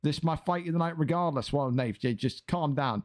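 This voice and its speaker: Speaking a little fast in a fairly high register, this man calls an online boxing league live. His chatty commentary builds excitement around the fighters, and he teases the chat as he banters with viewers.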